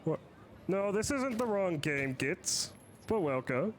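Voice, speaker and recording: A man streaming a game in casual chat, easygoing, halting and apologetic. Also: sits high, big pitch swings, slight background noise.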